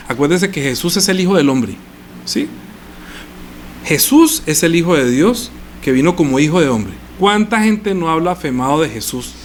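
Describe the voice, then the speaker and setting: A man's voice: a little high, slight background noise. A male pastor preaching a sermon, stressing points with repeated rhetorical questions.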